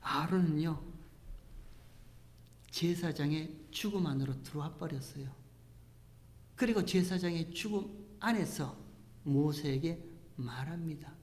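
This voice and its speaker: High-voiced pastor preaching in a reverberant hall. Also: male voice, a little slow, long pauses. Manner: swings from hushed whispers to loud impassioned outbursts; acts out quoted speech while preaching. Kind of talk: sermon. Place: church sanctuary.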